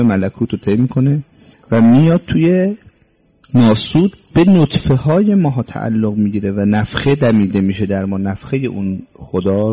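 A man's voice: fairly low pitch, dark tone, husky. A man preaching a religious sermon, quoting Arabic scripture and then explaining it, repeating his key words and asking rhetorical questions, sometimes sternly scolding. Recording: dull lo-fi recording.

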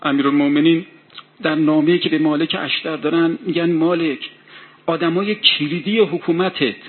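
A man's voice: fairly high pitch, steady tone, breathy edge. A man preaching a sermon, telling a story dramatically, his voice rising in heated passages. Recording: tinny phone-like sound with faint hiss.

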